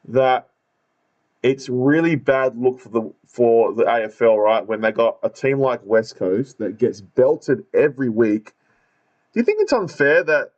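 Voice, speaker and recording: A male podcast host with a broad Australian accent chats casually about footy in a blokey, repetitive way. His voice sits at a middling pitch, and the recording is dull and lo-fi. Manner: blokey, repeats phrases. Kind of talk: casual football chat.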